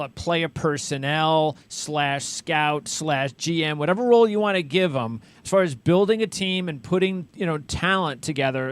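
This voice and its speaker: Hosting a sports interview show, an American man with a slightly high, clean-toned voice sounds enthusiastic and conversational. His questions are wordy and rambling, wandering a long way before reaching the point.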